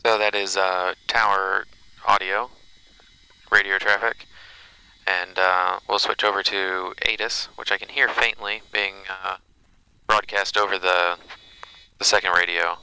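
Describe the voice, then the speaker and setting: Low, bright-voiced man, halting and even. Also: clean tone, low-quality recording. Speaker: pilot demonstrating cockpit audio recording. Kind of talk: casual explanatory demonstration.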